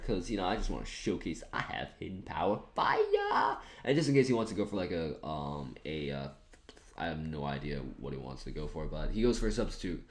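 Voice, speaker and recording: A man's voice: fairly low pitch, a little mellow. A man giving casual commentary over an online game battle, thinking aloud in a chatty, self-mocking way. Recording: roomy echoey room.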